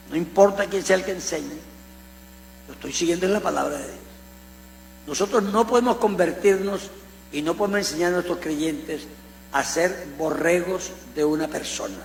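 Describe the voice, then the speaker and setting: Coastal preacher, man, high gravelly voice, echoey hall with hum, animated and joking. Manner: animated storytelling with humorous asides. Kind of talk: conversational sermon teaching.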